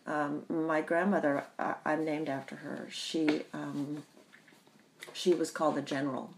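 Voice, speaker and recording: A woman who grew up in the Bahamas, telling her family history in an interview, thoughtful and pausing often. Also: sits low, flat delivery, vocal fry, slight background noise. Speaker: interview guest. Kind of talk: reflective personal storytelling.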